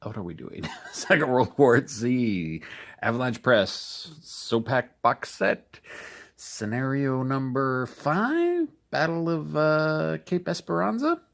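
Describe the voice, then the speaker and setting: A middle-aged man from Denver casually talking through a tabletop wargame playthrough, thinking aloud in a relaxed, rambling way. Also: medium pitch, slow, vocal fry. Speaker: board game video host.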